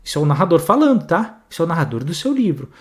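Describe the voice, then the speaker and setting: A man with a Brazilian Portuguese accent teaching a grammar lesson for an exam, chatty and animated, often checking in with his students. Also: on the high side, very fast.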